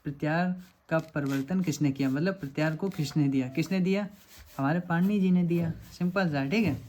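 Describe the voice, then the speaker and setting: A man's voice: on the high side, a little fast, darkish tone. Male teacher explaining grammar quiz questions. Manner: explanatory, repeats checks like "samajh rahe hain aap". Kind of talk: lecture solving quiz questions.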